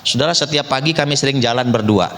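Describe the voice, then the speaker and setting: A middle-aged male pastor preaching a sermon, telling a personal story and swinging between loud, high emphasis and low, quiet asides. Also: fast, big-room sound. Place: church sanctuary.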